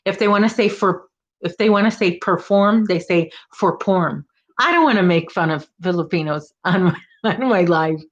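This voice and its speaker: A woman with a Chicago accent hosts a casual crochet livestream from home, speaking at normal speed in a lowish voice. She chats, reads viewer comments and teases as she works. The audio sounds dull.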